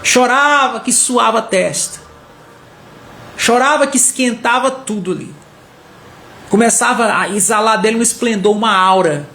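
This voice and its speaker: High-pitched preacher in echoey room. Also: male voice, normal speed, creaky, pauses often, a little hiss or hum. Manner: animated, acts out the characters' lines. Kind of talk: sermon storytelling. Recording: echoey room with faint music.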